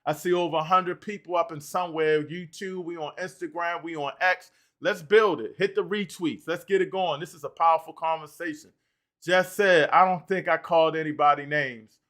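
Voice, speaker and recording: A man hosting a livestream, reading out and answering chat comments in an animated way. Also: fairly high pitch, moderate pace. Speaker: livestream host.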